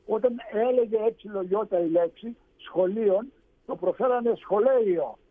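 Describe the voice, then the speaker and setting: A man's voice: high voice, no echo, phone-quality sound. A man explaining Greek pronunciation on a radio show, hesitant, with many fillers and restarts. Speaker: radio show guest speaker on Greek language.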